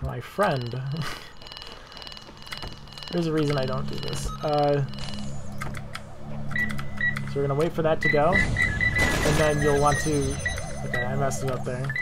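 A man casually narrating a speedrun tutorial over gameplay, relaxed and self-deprecating, with many fillers and repeated words. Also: fairly high pitch, slow, pauses often, heavy background noise. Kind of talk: casual gameplay walkthrough commentary.

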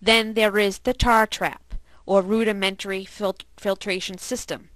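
A woman's voice: medium pitch, a little slow, dry recording, poor audio. Dry, close woman narrating a how-to. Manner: steady, explanatory, with small slips. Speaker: channel host narrating. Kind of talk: scripted voice-over narration.

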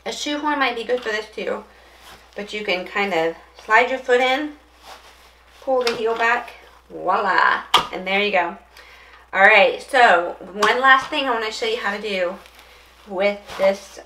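A woman's voice: mid-range voice, pushed and bright. A woman giving a casual how-to demonstration of dressing aids, chatting and thinking aloud as she goes. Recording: roomy echo, distant mic, faint noise.

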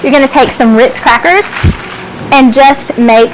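Young woman with a high, chatty voice. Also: measured pace, noisy background. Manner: chatty, upbeat, explaining step by step. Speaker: cooking show co-host. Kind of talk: casual cooking demonstration. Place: small indoor TV studio set.

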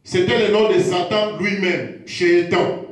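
Man, preacher, sermon teaching, repetitive, unhurried, strong echo. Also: high voice, fairly even intonation. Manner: slow, repetitive, hesitant. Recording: very echoey room.

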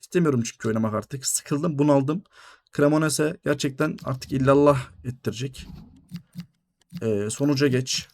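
A young man commentating his own football video game, shouting at goals and griping at the referee. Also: mid-range voice, normal speed. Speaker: gaming YouTuber.

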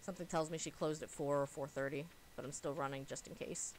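A woman's voice: low voice, fairly even intonation, quick pace, a little hiss or hum, poor audio. A woman chatting casually as she plays a co-op game. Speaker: co-op game streamer. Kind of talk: casual gameplay chat. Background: soft game music.

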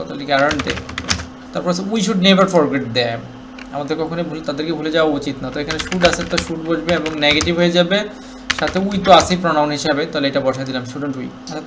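A man with a Bangladeshi accent teaching English grammar, asking questions and answering them himself, with the English examples read slowly. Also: on the high side, fairly bright tone, a little hiss or hum. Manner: quick, explanatory, asks and answers his own questions, reads English examples slowly. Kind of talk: explaining grammar to students.

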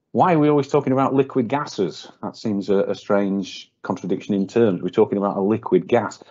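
A man's voice: deep voice, dark tone, slightly rough. A man presenting a technical webinar for a welding company, speaking off the cuff with many fillers and repeated words. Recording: dull lo-fi webinar audio.

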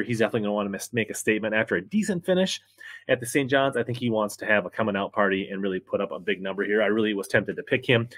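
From his desk in a small indoor room, an American fantasy fishing pundit in his thirties addresses the camera with commentary and picks. His pitch is fairly low with a slightly bright quality, and there's no echo.

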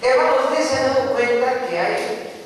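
A man preaching a sermon to his congregation, telling stories with lively delivery and putting questions to the listeners. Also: very high voice, normal speed, slight background noise. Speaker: pastor. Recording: echoey hall recorded from far off.

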